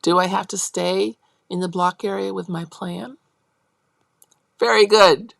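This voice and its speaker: A woman instructor giving a college lecture on early childhood teaching, explaining step by step, checking in with her class and acting out teacher and child lines in a high, animated voice. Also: normal speed, gravelly, no echo.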